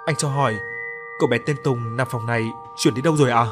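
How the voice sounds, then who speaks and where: A man's voice: medium pitch, fast, music in the background, natural voice. A man reading the part of a kind young woman in hospital, pleading and anxious.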